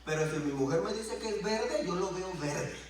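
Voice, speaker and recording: High-voiced preaching man in an echoey church. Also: normal speed, crowd noise. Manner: animated preaching, acting out dialogue with rising and falling voice. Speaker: pastor. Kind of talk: sermon. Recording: echoey church room, distant mic.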